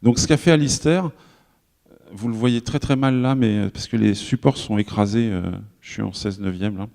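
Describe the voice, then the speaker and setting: A man's voice: on the low side, normal speed, creaky, a little mellow. A man with a French accent giving a live conference talk. He speaks conversationally, with many fillers and restarts, and often turns to address the audience directly. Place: conference hall. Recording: long hall reverb.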